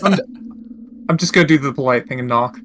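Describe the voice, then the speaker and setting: A man's voice: mid-range voice, fast talker, fairly bright tone, slight background noise. A man playing a tabletop game, talking casually in character.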